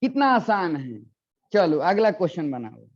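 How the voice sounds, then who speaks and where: In a dull, lo-fi classroom recording, a physics teacher with a high, sing-song voice delivers a lecture at a moderate pace. He keeps coaxing his students and repeating questions.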